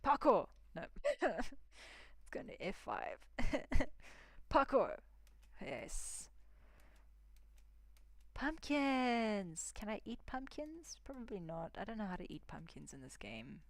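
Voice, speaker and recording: Woman streaming a game, slow and chatty, whispers little asides, dry close mic. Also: medium pitch, sing-song, no room sound. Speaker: gaming streamer. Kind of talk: casual gameplay commentary.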